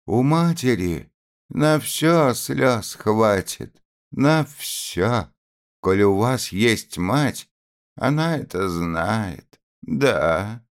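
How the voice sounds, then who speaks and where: A man's voice: medium pitch, sing-song, extremely slow, dark tone, pitched above the performer's own voice. A man voicing an aging mother, fierce and grieving, who cries out and pleads in a raised voice. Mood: bitter.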